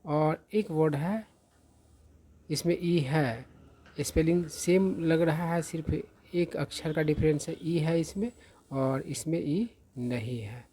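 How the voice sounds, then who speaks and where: Slow, husky-voiced vocabulary teacher. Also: mid-range voice, mellow. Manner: patient, explanatory, often checks in with "theek hai" and "hai na". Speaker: English teacher. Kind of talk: vocabulary lesson explained in Hindi.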